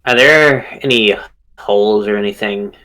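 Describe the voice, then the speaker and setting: A man's voice: lowish voice, moderate pace, sharp tone. A man playing a tabletop game, speaking casually in character.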